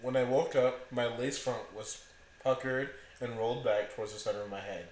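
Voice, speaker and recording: A man co-hosting a casual podcast, telling stories in animated bursts with rising emphasis. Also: mid-range voice, moderate pace. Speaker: podcast co-host. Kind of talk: casual storytelling chat. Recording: echoey room with faint background noise.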